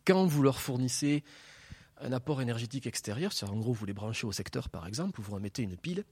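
A man's voice: medium pitch, expressive, fast talker, darkish tone, slightly rough. A man with a southern French accent from Toulouse, a laser researcher giving a public science lecture to an audience into a wired microphone, joking and explaining with everyday images.

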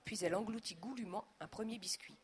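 A woman narrating a children's audiobook in a lively, expressive voice. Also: medium pitch, fast talker.

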